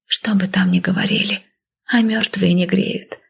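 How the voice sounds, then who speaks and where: A woman reads a first-person fantasy audiobook in a soft, intimate, hushed way. Her voice is husky and gravelly, set at a middle pitch. The narration stays close and quiet. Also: steady tone, a little slow.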